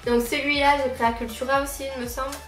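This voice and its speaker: A young woman from La Réunion chats her way through a back-to-school haul, fond of everything she shows. Her slightly high voice sits back from the mic in an echoey room. Faint music plays underneath. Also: flat delivery, fast. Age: 20s. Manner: chatty, keeps repeating how much she likes things. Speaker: lifestyle vlogger. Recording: roomy sound, mic at a distance, faint background music.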